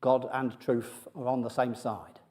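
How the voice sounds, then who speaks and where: A man giving a conversational sermon to a congregation, joking about himself and often pausing with fillers. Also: medium pitch, level tone, warm tone. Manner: humorous, self-deprecating, many fillers. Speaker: preacher. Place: church sanctuary with congregation.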